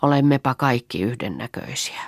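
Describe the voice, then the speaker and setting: A woman's voice: very deep voice, lively intonation, dry recording, studio quality. Woman doing Riikka, a blunt plucky farm girl.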